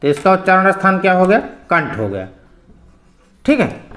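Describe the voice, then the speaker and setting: A man with a Hindi accent teaches an exam-prep grammar lesson, his voice sitting high. He explains patiently, poses questions and answers them himself, and checks in often with a quick "okay". The room adds a noticeable echo around him. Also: big pitch swings, fairly bright tone. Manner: explanatory, repeats "ठीक है" and asks and answers his own questions.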